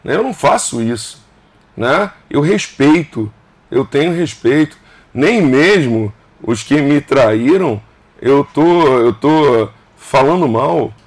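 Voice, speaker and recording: A man's voice: on the high side, lively intonation, slow pace. A man in his fifties, a governor being interviewed on a casual podcast, who speaks emphatically in short clauses and repeats phrases. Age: 50s.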